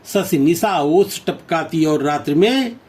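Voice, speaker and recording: A man's voice: on the high side, expressive, a little slow, a little mellow. A male Hindi teacher who reads poetry lines aloud and then explains them step by step, repeating phrases as he goes.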